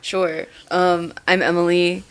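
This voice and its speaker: A young woman from Pennsylvania chats as a guest on a casual interview show. Her voice sits on the lower side, and she talks candidly with easy giggles. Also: little pitch movement, slow pace, clear, resonant tone. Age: young adult.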